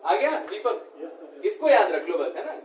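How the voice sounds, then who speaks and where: Male math teacher, higher voice, quizzing a class, recorded from a distance in an echoey room. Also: very animated, unhurried, darkish tone. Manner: keeps quizzing students, checks understanding with short questions. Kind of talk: classroom lesson. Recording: echoey room, mic far off, faint background noise.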